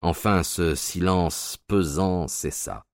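An actor narrating as a loyal, worried doctor companion, in a grave, measured manner. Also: male voice, sits low, dry recording, clean studio sound. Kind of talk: radio drama narration.

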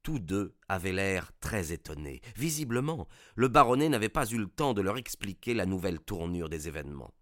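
A man narrating a detective story in a measured, suspenseful reading style. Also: low voice, sing-song, fairly bright tone, no room sound, clean studio sound.

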